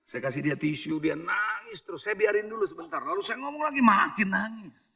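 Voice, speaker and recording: In a church hall, a middle-aged male pastor preaches a sermon, telling stories, questioning the congregation and slipping in English phrases. His high-pitched voice is animated, creaky and sharp, and he speaks a little fast.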